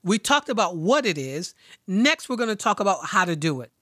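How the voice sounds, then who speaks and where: A woman teaching a devotional podcast lesson, speaking deliberately and repeating key words for emphasis. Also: mid-range voice, big pitch swings, a bit bright, dry recording, studio quality.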